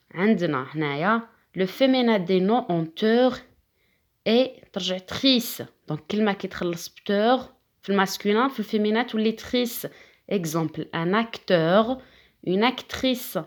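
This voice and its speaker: A woman with an Algerian Arabic accent, a French teacher who explains grammar rules patiently and repeats each rule slowly. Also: mid-range voice.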